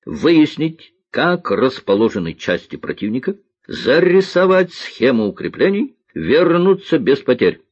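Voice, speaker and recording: A man voicing a pompous vice-marshal of aviation who barks orders loudly, in a dull lo-fi recording. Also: mid-range voice, very animated, unhurried, slightly rough, no echo, voice pushed up. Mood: bombastic. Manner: loud, bombastic commanding speech.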